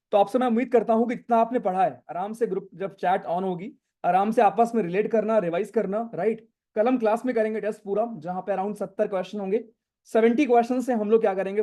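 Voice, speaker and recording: ऊँची लेकिन नरम आवाज़ वाला शिक्षक. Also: male voice, high-pitched, warm tone. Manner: chatty, reads student questions, asks "right?" often. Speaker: online exam-prep teacher. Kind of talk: live online class, Hindi-English mix.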